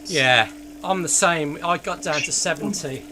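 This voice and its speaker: A man's voice: on the high side, a little slow. A man hosting a casual chat, listening sympathetically and chiming in with short replies. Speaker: podcast host. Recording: faint background noise.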